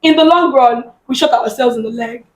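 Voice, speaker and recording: Nigerian woman, high voice, lively casual interview talk, echoey room. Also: fairly quick. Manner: lively, chatty, laughs often. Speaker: guest business owner.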